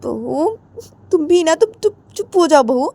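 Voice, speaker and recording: A woman's voice: high-pitched, expressive, measured pace, creaky, dark tone, voice pushed up, full character voice. A woman voicing a stern mother-in-law who scolds her daughter-in-law for rude behavior. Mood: reproachful. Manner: reproachful.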